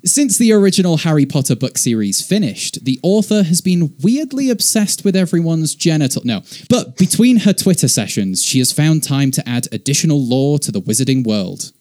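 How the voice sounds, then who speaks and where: This is a man running a comedy podcast quiz. His voice swings widely in pitch as he throws out crude, sarcastic jokes between questions. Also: big pitch swings, normal speed, few pauses, darkish tone. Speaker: quiz host.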